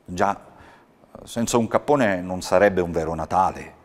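A man voicing a kindly, poor old male shoemaker in a read-aloud storybook, speaking warmly and contentedly. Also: low-pitched, unhurried, in a large hall.

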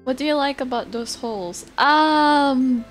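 A woman's voice: sits high, a little slow, faint music behind. A young woman chatting casually on a livestream as a VTuber, with a cutesy, giggly, self-deprecating manner. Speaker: VTuber streamer chatting with viewers.

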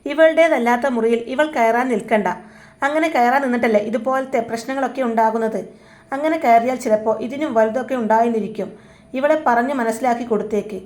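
A woman's voice: on the high side, a little fast, a little mellow, close to an everyday voice. A woman reading a curt, dismissive young husband.

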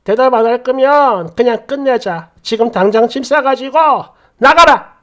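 A man doing a proud, stern middle-aged mother-in-law who talks down and scolds, her voice pitched up high and rising in sharp, clipped bursts as she lays down the law. a storybook figure read aloud, bossy and cold. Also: moderate pace. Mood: scolding. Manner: scolding, haughty.

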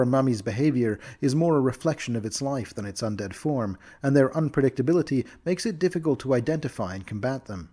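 Male narrator, medium pitch, for scripted lore: nature documentary manner, measured, formal, solemn. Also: mellow.

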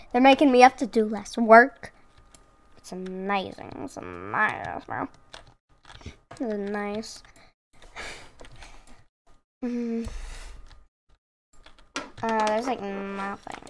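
A woman's voice: a little high, a bit bright, slight background noise. A woman chatting casually through a game at home, rambling and laughing at herself, talking into her own microphone. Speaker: gaming video host. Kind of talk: casual let's-play commentary. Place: room at home with her cat. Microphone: own desk microphone.

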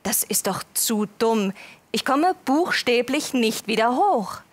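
A woman voicing a hurt, gentle father who soothes his son and apologizes in a read story. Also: on the high side, animated, slow. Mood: soothing.

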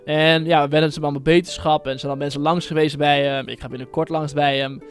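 A man's voice: on the high side, level tone, fast talker, faint music behind. A man hosting his own gaming channel, giving casual, rambling commentary full of fillers and slang.

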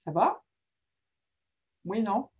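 A woman's voice: medium pitch, extremely slow, slightly rough. A woman giving an informal teaching talk, often checking in with her listeners. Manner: checks in constantly with "ok?", lively and informal. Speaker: workshop presenter on reading disorders. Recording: muffled lo-fi recording.

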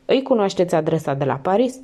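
A woman's voice: fairly low pitch, sing-song, dark tone. A woman reading a terse police commissioner. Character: calm, terse middle-aged male police commissioner.

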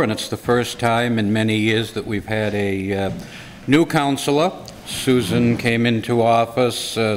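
A man in his sixties making announcements and introducing a guest speaker at a church luncheon, unhurried and pausing often with uhs. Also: lowish voice. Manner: unhurried, with many uhs between phrases. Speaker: series organizer and local historian. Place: church hall stage before a red curtain. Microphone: stand microphone at a lectern. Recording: long hall reverb.

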